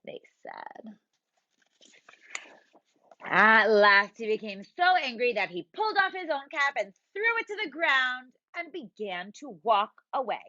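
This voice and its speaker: A woman teacher reading a picture book aloud to young children, expressive and drawn out, asking them questions, in a dull lo-fi recording. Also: on the high side, unhurried. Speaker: preschool teacher.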